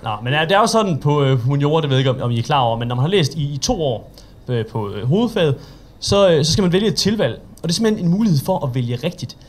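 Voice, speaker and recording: This stand-up comedian is a young Danish-accented man whose expressive voice sits on the high side. Performing an open-mic set, he spins chatty, self-deprecating tales and slips into the voices of the characters he describes.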